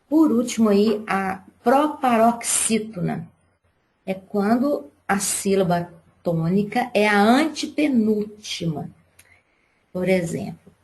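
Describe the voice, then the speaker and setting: A woman's voice: mid-range voice, a little mellow. A woman teacher giving a live online class to young pupils, explaining patiently and step by step.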